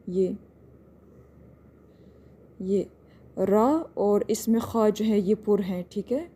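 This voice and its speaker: A woman's voice: mid-range voice, warm tone. A woman teaching a tajweed lesson, patiently explaining each step and drawing out words as she recites.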